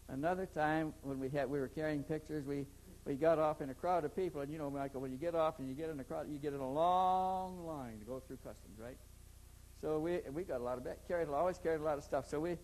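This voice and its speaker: A man's voice: a little high, darkish tone, poor audio. An older man telling a long story in a conversational interview, rambling with many restarts. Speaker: interview guest.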